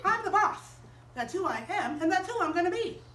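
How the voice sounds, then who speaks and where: This is a bossy, spoiled preschool girl, put on by a woman storyteller. She is defiant and boastful in a high voice. The voice sits far from the mic in an echoey room. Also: big pitch swings, normal speed, fairly bright tone, a little hiss or hum, exaggerated voice.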